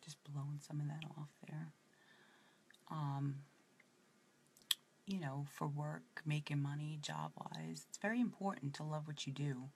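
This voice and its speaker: A woman's voice: deep voice, steady tone, unhurried, long pauses, a little mellow, slightly rough. A woman with a New York accent, chatting casually and rambling as she demonstrates her makeup. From Brooklyn, New York. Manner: chatty, rambling, drifting off topic. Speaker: makeup tutorial presenter.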